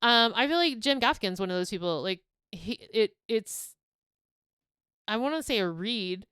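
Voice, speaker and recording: A middle-aged woman in casual podcast chat, blunt and frank, cursing freely. Her voice is bright and crisp, and it sits close to the mic in a dry room. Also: medium pitch, animated, normal speed, dry recording. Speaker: podcast co-host, mother of the other host.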